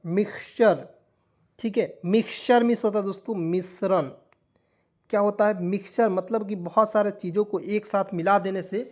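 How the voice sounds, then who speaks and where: A man's voice: high-pitched, darkish tone. A man teaching a classroom-style lesson. He spells words out letter by letter, asks his listeners what they say, and answers himself in a patient, reassuring way. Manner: addresses listeners as friends again and again, patient and reassuring.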